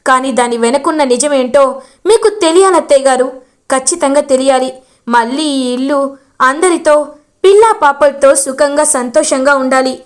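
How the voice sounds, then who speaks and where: A woman voicing an earnest young wife who calmly pleads and explains. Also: high voice, moderate pace, lightly acted.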